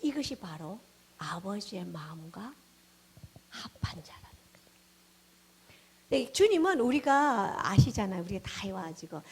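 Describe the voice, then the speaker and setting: A woman pastor preaching a sermon, swinging between hushed, almost whispered lines and loud, emphatic exclamations. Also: mid-range voice, measured pace, pauses often, breathy edge. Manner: animated preaching, dropping to hushed tones and rising to exclamations.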